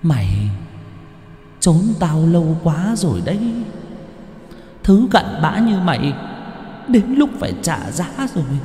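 A man voicing a vengeful female ghost who hisses and shrieks drawn-out threats. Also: sing-song, mellow, echoey room, long reverb tail, faint music behind. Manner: shrill, hissing, drawn-out threats.

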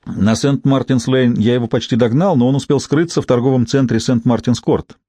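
A man's voice: mid-range voice, fairly even intonation, brisk, mellow, dry recording. A man narrating a first-person audiobook in a dry, ironic storytelling manner.

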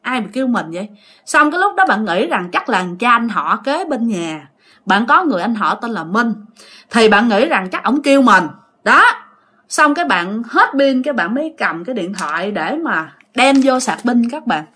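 Telling a ghost story with a Southern Vietnamese accent, this woman chats directly with her audience. Her fairly high voice swings widely in pitch at a moderate pace, sounding pushed, bright and husky.

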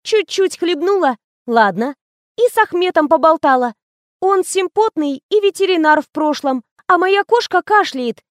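A woman's voice: extremely high pitch, animated, moderate pace, dry recording, clean studio sound, pitched above the performer's own voice. A woman reading an audiobook, voicing a silly, gushing young female PR assistant in a whiny, chattering manner.

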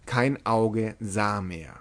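A man narrating a literary novel aloud in a measured, dramatic storytelling manner. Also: lowish voice. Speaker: audiobook narrator.

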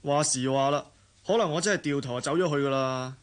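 In a radio drama, a male actor with a Hong Kong Cantonese accent plays an easygoing elder brother in young adulthood, sounding wry and reflective. His natural voice sits fairly high and moves along fairly quickly, with a teasing edge.

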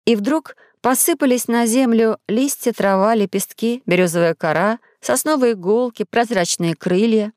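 A woman narrating a children's audiobook in a calm, even manner. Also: on the high side, normal speed, hardly any pauses, no echo, clean studio sound. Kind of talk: scripted narration.

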